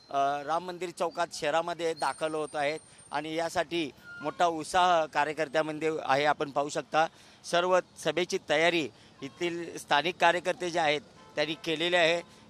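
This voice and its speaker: A man reporting live from an outdoor town square, steady with brief hesitations. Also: fairly high pitch, a little hiss or hum. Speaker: field reporter. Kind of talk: live news report from the scene.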